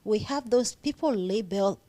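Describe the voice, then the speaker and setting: Speaking a little slowly in a mellow, mid-range voice, a Nigerian-accented woman joins a conversational interview as a guest. She is a psychiatric nurse practitioner. Her manner is earnest and emphatic, and she repeats phrases to drive points home.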